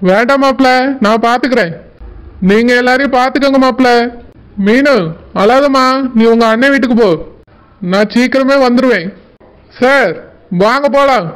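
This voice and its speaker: A man's voice: extremely high pitch, normal speed, pauses often, clear, resonant tone, rough recording. A man voicing a stern, proud middle-aged father in a cartoon, firm and resigned, with a Tirunelveli Tamil accent.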